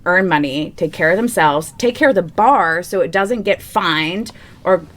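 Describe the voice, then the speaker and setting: Low-voiced woman venting on a podcast. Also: fairly bright tone. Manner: quick to vent and build into a rant. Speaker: podcast co-host. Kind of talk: casual chat.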